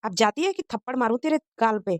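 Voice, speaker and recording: Cartoon husband, young and quick to threaten , voiced by a woman. Harsh, scolding delivery, fairly high for a man, dry close recording. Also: animated, no room sound, lightly acted. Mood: angry threats. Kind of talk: Hindi cartoon moral-story dub.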